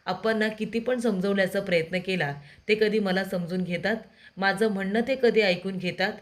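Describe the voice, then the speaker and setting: A woman's voice: mid-range voice, steady tone, moderate pace, close to an everyday voice. A woman narrator voicing a hurt, defiant young man who complains that he is never understood. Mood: aggrieved. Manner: pleading, aggrieved.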